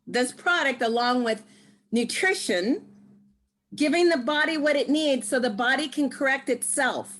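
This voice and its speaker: A woman in her sixties giving a casual, lively testimonial, laughing often. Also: high voice, measured pace, low-quality recording. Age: 60s. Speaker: guest speaker.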